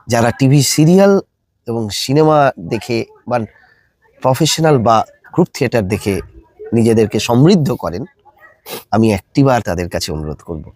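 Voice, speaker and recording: A man's voice: mid-range voice, no echo. Theatrical, swooping male interview host. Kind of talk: interview with emphatic closing address to viewers.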